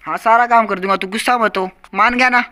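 Bright, coaxing young man vlogging. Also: sits high, fairly even intonation, a little fast. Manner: pleading, coaxing, repeats apologies. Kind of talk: casual vlog chat.

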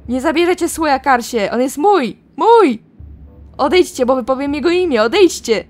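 Woman voicing a frantic game madwoman, high shrill voice, pleading and raving at volume. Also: lively intonation, normal speed, faint music behind. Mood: defiant. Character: frantic madwoman clutching a cursed jar.

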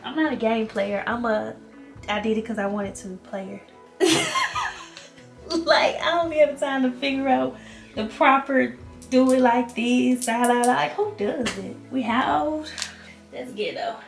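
A woman's voice: high voice, very animated, measured pace, vocal fry, over music. A young woman vlogging in casual chat, joking with a playful slangy manner and laughing often. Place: car, then home.

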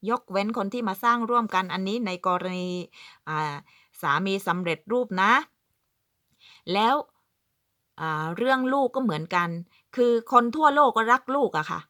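A woman's voice: medium pitch, bright, forceful tone, no echo, studio quality. A woman from southern Thailand giving casual, emphatic advice as a vlogger, acting out what people say. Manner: chatty, emphatic, acts out quoted speech. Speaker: vlogger living abroad. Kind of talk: casual advice talk to camera.

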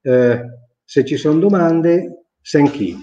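A man's voice: on the high side, animated, takes it slowly, mellow, echoey room, lo-fi sound. A man giving an informal lecture, explaining patiently with examples and frequent tag questions. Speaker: dialect teacher.

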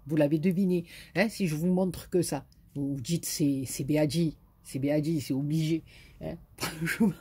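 Warm, husky southern French woman. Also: sits low. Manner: chatty and effusive, with many fillers. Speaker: YouTuber showing greeting cards. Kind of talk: casual chat to camera.

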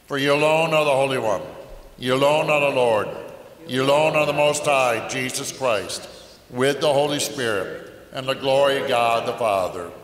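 A man leads the prayers of Mass at a pulpit microphone in a large church, reciting each line in a measured, solemn way. His voice sits in an ordinary middle pitch for a man. Every phrase rings out into the long echo of the church. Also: fairly bright tone. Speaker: priest. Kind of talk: leading liturgical prayers at Mass.

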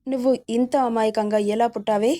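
A hot-tempered young husband gives curt, menacing orders in an audio story, as a woman narrator reads him. The voice sits fairly high, with a flat, even line, and has a mellow, soft tone. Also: brisk, natural voice. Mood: stern.

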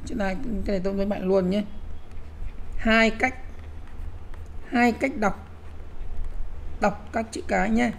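A woman's voice: mid-range voice, steady tone, unhurried, creaky, long pauses, slight background noise. A middle-aged woman giving a spoken lecture to teachers, emphatic and repetitive, often checking that listeners follow. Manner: emphatic, repeats words, frequent "nhé" asides.

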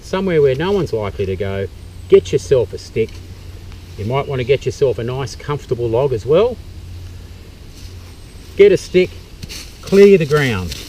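Out in a eucalyptus forest, a middle-aged Australian man who works as a bushcraft instructor and tour guide explains a practical task step by step, using some fillers. His mid-range voice is warm and sing-song, at a moderate pace with frequent pauses. A camera mic several metres away picks him up, leaving distant audio and faint noise behind him.

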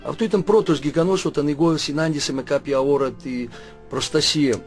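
A man in his sixties with a Russian accent, an Orthodox archimandrite recounting a personal testimony, halting and searching for words with frequent self-corrections. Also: on the high side, soft background music. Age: 60s.

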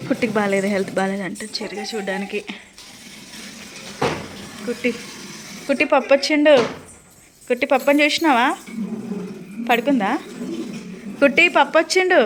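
Here a young vlogger mom, speaking with a Telangana Telugu accent, keeps coaxing her kids to take medicine in a casual home video, saying the same things again and again. She talks fairly quickly in a slightly high voice, pausing often, while a crowd can be heard behind her.

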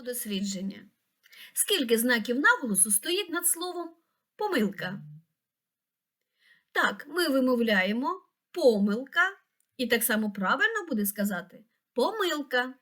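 A woman reading a scripted lesson for young children, pronouncing each word slowly and clearly. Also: on the high side, big pitch swings, a bit bright. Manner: slow, clear, pronouncing words syllable by syllable. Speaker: teacher.

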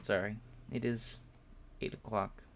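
A young man streams live late in the evening, modeling in 3D while rambling to his viewers and joking at his own expense. He yawns and stays low-key, speaking unhurriedly with little pitch movement.

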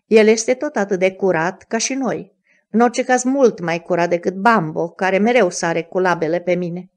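A woman's voice: medium pitch, lightly acted. A woman reading the part of a candid, spirited young noblewoman in an audiobook, earnest and a little defensive.

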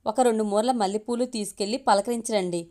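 A woman reads the part of a quick-tempered young wife in a storybook, her voice set a little high. She scolds and sulks in sharp, clipped lines. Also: steady tone, lightly acted. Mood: scolding. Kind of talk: storybook reading.

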